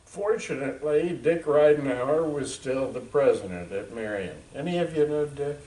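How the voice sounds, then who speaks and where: A man in his seventies, a veteran, giving a frank, reflective talk to an audience with many pauses and fillers. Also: medium pitch, expressive, mellow, recorded from a distance. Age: 70s. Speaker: veteran speaker. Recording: echoey room, voice from afar.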